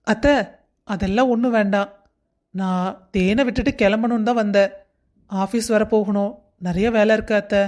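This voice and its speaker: A woman voicing a caring young husband in a cartoon story who teases gently and reassures his wife. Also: mid-range voice, fairly even intonation, moderate pace, long pauses, natural voice. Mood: reassuring. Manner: warmly teasing, reassuring. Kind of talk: Tamil cartoon voice acting.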